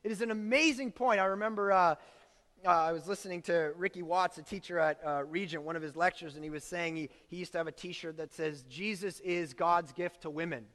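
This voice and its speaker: A man's voice: sits high, fairly quick, a bit bright, long reverb tail. A man giving an informal sermon, reading Bible verses and breaking into chatty asides with acted-out quotes. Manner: conversational, asides and restarts, acts out quotes. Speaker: preacher.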